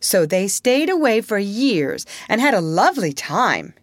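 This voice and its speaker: A woman's voice: mid-range voice, sing-song, measured pace, no room sound, clean studio sound, voice pushed up. Woman playing an earnest, motherly little girl storyteller. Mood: earnest, triumphant. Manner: theatrical, prim, hushing her listeners. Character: earnest young girl storyteller, motherly, complacent, grandly dramatic.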